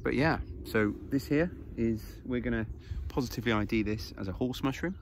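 A man in his thirties hosts a foraging vlog on a grassy hill outside, filming himself with a phone held close. His medium-pitched voice moves briskly, explaining things casually with fillers, and the recording carries a little hiss or hum.

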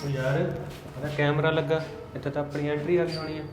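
A man playing a wary friend in a family web drama, firing off flat, rapid questions. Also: fairly high pitch, lightly acted. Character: wary young friend dragged along. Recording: echoey room with music.

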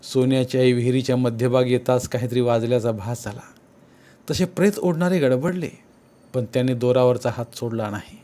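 A man narrating a novel as an audiobook, telling the story in a steady, earnest way. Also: mid-range voice, brisk.

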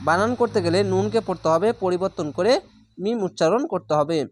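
A man teaching Quran reading who spells out each letter and vowel mark before slowly reciting the whole word. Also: high-pitched, slight background noise. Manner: draws out recited words slowly.

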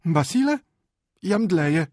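A man reading an audiobook and voicing a frightened, indignant wife in a shrill, pleading voice. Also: big pitch swings, slow pace, darkish tone, no room sound, studio quality, full character voice. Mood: commanding. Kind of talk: audiobook character voice.

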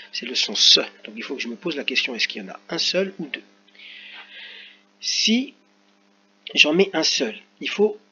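A man teaching young children, walking them patiently through a worksheet one step at a time and addressing them directly. His voice is bright and clear-edged. It comes through a slightly dull home recording with a faint ambient hum behind it. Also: medium pitch.

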